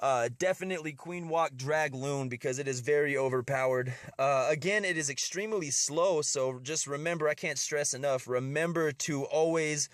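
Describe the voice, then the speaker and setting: A man's voice: on the high side, normal speed, few pauses, no echo, clean studio sound. A man with a slightly stuffy nose from a cold, giving casual gameplay commentary as host of a strategy video and often repeating his words.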